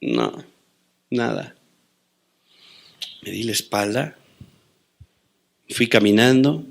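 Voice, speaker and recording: Male pastor, mid-range, gravelly texture; dramatic sermon delivery with sharp shifts between booming and hushed. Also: huge pitch swings, extremely slow. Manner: dramatic preaching, swinging between loud declarations and hushed asides; quotes scripture and tells personal stories.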